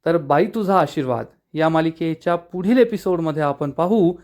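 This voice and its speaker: A man with a Marathi accent narrates a recap of a TV serial episode in a storytelling way. His voice sits high for a man. He reads out the characters' lines as he goes. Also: normal speed, darkish tone. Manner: storytelling, reading out dialogue of the characters.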